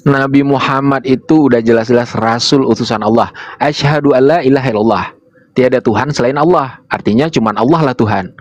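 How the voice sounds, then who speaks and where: Guy lecturing hard in a debate, mid pitch, dry close sound. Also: a little fast, no echo, dull audio. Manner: lecturing, insistent, rhetorical questions. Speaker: host of online debate. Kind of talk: heated religious debate.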